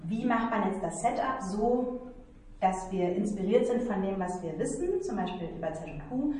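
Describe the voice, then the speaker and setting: A woman's voice: medium pitch, darkish tone. A woman lecturer patiently explaining algebra in a tutoring session, thinking aloud as she goes. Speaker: mathematics lecturer. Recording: echoey room, mic far off, faint noise.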